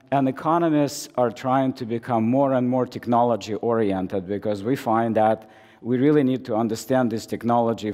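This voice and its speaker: Amplified by a microphone in a reverberant lecture hall, a hoarse man who is losing his voice presents an academic conference talk, halting often with fillers and restarts. His voice is on the low side and mellow.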